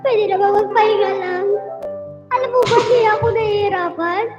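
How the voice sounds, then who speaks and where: A woman's voice: extremely high pitch, moderate pace. A woman livestream host dramatically reading heartbreak letters aloud, teasing her partner between them. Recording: roomy, dull, with music behind.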